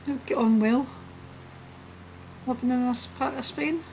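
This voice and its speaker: A woman hosting a flight video with casual, chatty, relaxed running commentary. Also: sits high, unhurried, gravelly. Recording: steady background noise behind the voice.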